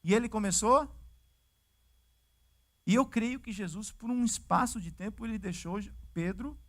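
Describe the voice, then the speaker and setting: A Brazilian Portuguese-accented male pastor with a high-sitting voice preaches at a church service, speaking a little slowly. His sermon is lively and conversational, and he acts out the scenes from scripture.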